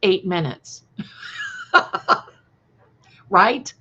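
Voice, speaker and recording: A channel creator hosts a casual livestream, her medium-pitched voice expressive yet very slow, with a sharp tone and a breathy edge. She answers viewers in a scattered, gushing way, showering them with terms of endearment, and the audio is dull and lo-fi.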